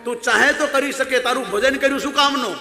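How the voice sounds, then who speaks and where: A man's voice: extremely high pitch, quick pace, pushed and bright, voice pushed up, heavily acted. A man voicing a proud, vain male sage who demands a handsome form, in an indignant, pleading tone. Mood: reproachful. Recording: echoey hall with faint music.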